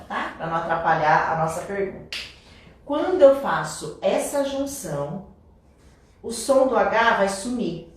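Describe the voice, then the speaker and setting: A woman teaching an English lesson live, explaining step by step and repeating example phrases. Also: mid-range voice. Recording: echoey room, mic at a distance.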